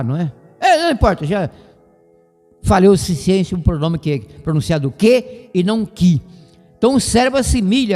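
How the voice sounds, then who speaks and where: A man's voice: sits high, darkish tone. A man with a Brazilian Portuguese accent teaching the Bible on a radio program, who wanders into side remarks, stops to correct himself aloud and spells words out letter by letter. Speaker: radio preacher. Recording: radio broadcast with long reverb and faint music.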